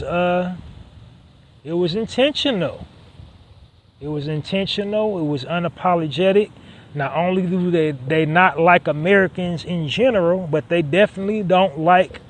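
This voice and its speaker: A man hosting a solo podcast in a conversational tone, repeating points for emphasis and often pausing on "um". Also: a little high, a little hiss or hum. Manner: conversational, emphatic repetition, frequent "um" fillers. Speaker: podcast host.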